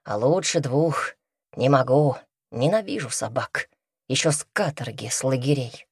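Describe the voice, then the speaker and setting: A woman reading an audiobook and voicing a huge, grim male ex-convict robber with a low, blunt, muttering delivery. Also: takes it slowly, a little mellow, slightly rough, dry recording, clean studio sound, heavily acted. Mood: grumbling.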